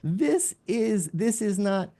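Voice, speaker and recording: A man on a tech analyst panel who talks with animated energy and acts out what others said. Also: high-pitched, slow pace. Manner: animated, acts out quotes with rising excitement. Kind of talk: casual panel discussion.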